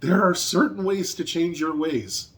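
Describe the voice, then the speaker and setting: A man's voice: a little high, unhurried, fairly bright tone. A man angrily ranting in a vlog, swearing constantly and repeating points for emphasis. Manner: angry, profane, heated. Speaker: vlogger.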